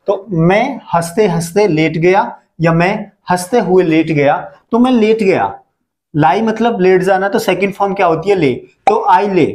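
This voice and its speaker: Male English teacher from India, higher register, unhurried, repeats examples. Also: darkish tone. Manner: slow, drawn-out example sentences, repeating each phrase. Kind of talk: Hindi-language English lesson.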